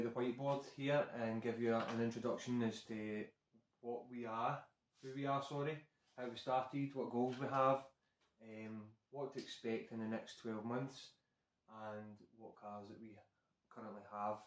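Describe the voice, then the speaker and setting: Male presenter, heavy Scottish accent, even-toned and hesitant, informal vlog delivery, recorded off-mic in a reverberant room. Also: medium pitch. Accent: broad Scottish. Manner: hesitant, self-conscious, unpolished. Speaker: car care channel presenter. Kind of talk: informal talk to camera introducing a channel. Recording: echoey room, distant microphone.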